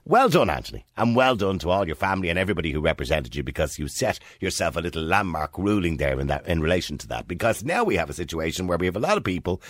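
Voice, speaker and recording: Hosting talk radio, a man from Ireland in his fifties quizzes listeners in a chatty, opinionated style with his Irish accent. His voice sits low, and the sound is clean studio audio without echo.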